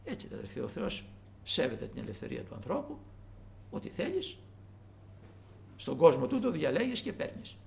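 A man preaching a sermon in a dramatic way, swinging from loud calls to hushed asides. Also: a little high, huge pitch swings, creaky, long pauses.

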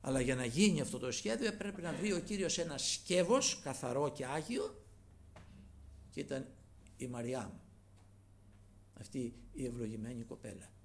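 A man preaching a sermon, swinging between loud emphatic peaks and low murmured asides, repeatedly addressing the congregation as brothers. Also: animated, long pauses, slight background noise.

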